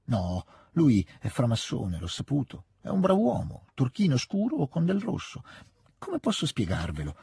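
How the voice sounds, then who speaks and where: A man's voice: mid-range voice, huge pitch swings, unhurried, creaky, dark tone, husky, no echo, clean studio sound, pitched above the performer's own voice, heavily acted. A man putting on a playful young noble girl. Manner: playful, insistent, coaxing. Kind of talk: literary reading aloud.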